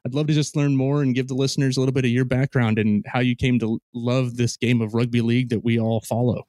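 A man's voice: medium pitch, little pitch movement, quick pace, warm tone, dry recording, clean studio sound. A man hosting a podcast, chatting casually with guests in a loose, rambling way full of ums and restarts. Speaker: podcast host. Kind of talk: casual interview chat.

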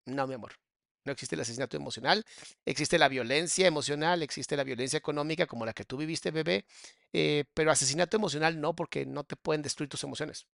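A psychologist reacts casually to a clip and answers viewer questions, calling the listener "mi amor" and "bebé" in a warm, familiar way. His voice is fairly high, fast and gravelly, with a fairly bright tone. The recording is studio quality with no echo.

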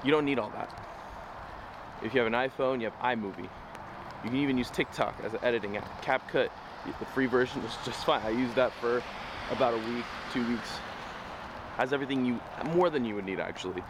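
Speaking slightly fast in a mid-range voice, this vlogger walks a city street and talks to camera as his voice fails. The chat is casual, rambling, upbeat and motivational, with a noisy outdoor recording.

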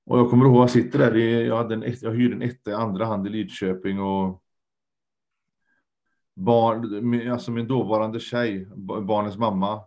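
Low-voiced earnest man, reflective. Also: little pitch movement, darkish tone. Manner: earnest, reflective, trails off and repeats words. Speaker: podcast guest, lecturer. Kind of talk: candid conversation.

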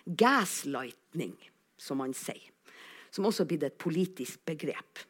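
A woman actress telling a personal story as a monologue, acting out the quoted lines with big changes in loudness. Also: low-pitched, breathy edge. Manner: animated, acts out quotes with big shifts in loudness.

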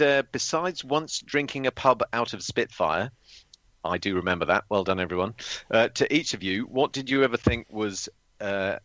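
Man, low voice, former pilot, podcast co-host, dry teasing banter, muffled lo-fi sound, no room echo. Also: a bit bright. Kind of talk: casual podcast chat.

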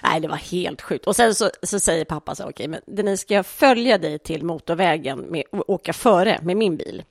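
Woman, casual chat, lowish pitch, gravelly fry, self-mocking, dry sound. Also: few pauses, dry recording. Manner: chatty, self-mocking, laughs often. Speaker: podcast co-host.

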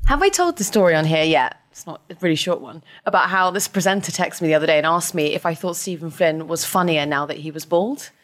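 A woman's voice: low voice, animated, quick pace, hardly any pauses. A woman co-hosting a podcast in casual chat. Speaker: podcast co-host.

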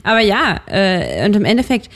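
A woman in her early thirties co-hosts a podcast, speaking candidly but hesitantly, full of fillers and false starts. Her medium-pitched voice swings widely up and down at a moderate pace.

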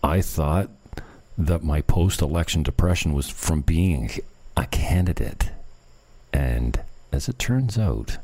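Male host, deep and unhurried. Natural unscripted rambling with swearing, over prominent music. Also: lively intonation, warm tone. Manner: rambling, profane. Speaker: online show host. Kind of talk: natural unscripted talk, casual rambling to viewers. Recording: music playing behind the voice.

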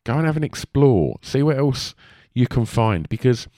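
A man's voice: mid-range voice, very animated, normal speed, dark tone, no echo, clean studio sound. A man with an Essex accent and a lisp, hosting a podcast in a rambling, chatty, casual way. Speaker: podcast host.

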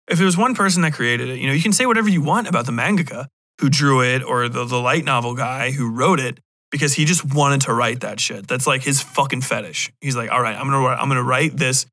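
Casual and rambling, this male podcast host reviews things with irreverent swearing and joking asides, animatedly acting out remarks he imagines. His voice is mid-range, and the recording has no room sound.

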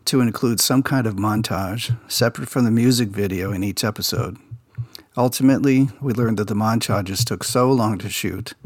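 Speaking on the low side, a male podcast host casually goes over a children's TV episode and tells behind-the-scenes tales about making it. The studio-quality audio has no echo, and his storytelling is relaxed and insider-ish.

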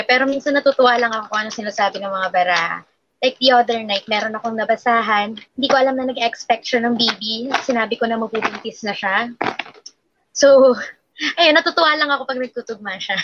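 A woman's voice: on the high side, fairly bright tone, muffled recording, slight background noise. A woman hosting a live stream, giving tarot readings in casual, laughing chat that mixes Tagalog and English.

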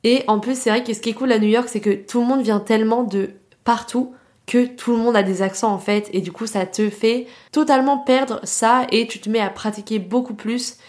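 A woman's voice: fairly high pitch, steady tone, moderate pace, a little mellow. A young woman from France hosting a casual solo podcast, talking in a chatty, slangy way full of filler words. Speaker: podcast host.

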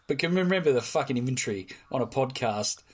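Husky Western Sydney man, casual swearing banter. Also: mid-range voice, animated, quick pace. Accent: Western Sydney Australian. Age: middle-aged. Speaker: podcast co-host.

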